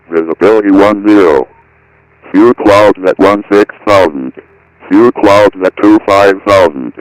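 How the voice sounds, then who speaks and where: A computer-generated male voice reading an automated airport weather broadcast in an even, clipped way, looping the same report. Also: low-pitched, clear, resonant tone, no room sound, low-quality recording. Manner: even, clipped, text-to-speech delivery.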